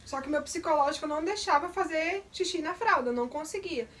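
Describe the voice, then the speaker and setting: A woman's voice: sits high, lively intonation, a little fast, fairly bright tone, far from the mic, slight background noise. A young woman, candidly recounting a personal testimony in detail. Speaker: vlogger. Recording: voice a bit off the mic.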